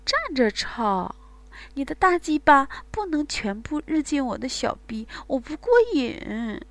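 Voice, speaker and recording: A woman's voice: sits high, expressive, measured pace, fairly bright tone, no echo, voice pushed up, full character voice. A woman doing a breathless, pleading young lover.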